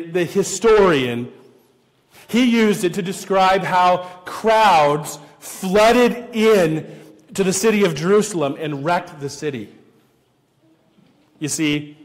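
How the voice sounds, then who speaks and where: A man pastor giving a teaching sermon, explaining patiently and often repeating words as he restarts. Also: high voice. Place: church sanctuary. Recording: long church hall reverb.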